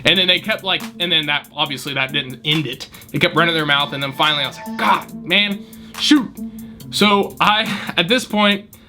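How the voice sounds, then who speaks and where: A man casually telling an animated story about his valet job, often laughing as he talks. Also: on the high side, brisk, over music.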